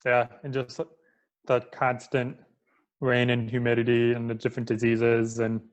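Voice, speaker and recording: Male guest from Michigan, mid-pitched, laid-back and filler-heavy, slightly dull audio. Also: normal speed. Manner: relaxed, filler-heavy, lots of "like". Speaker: podcast guest. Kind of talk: casual interview chat.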